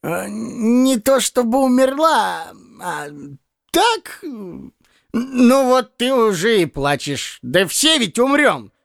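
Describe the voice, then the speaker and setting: A man's voice: very high voice, very animated, takes it slowly, creaky, fairly bright tone, dry recording, clean studio sound, pitched above the performer's own voice, full character voice. A man reading an audiobook and voicing a fussy, blundering old man who stammers and corrects himself. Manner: stammering, self-correcting, cackling.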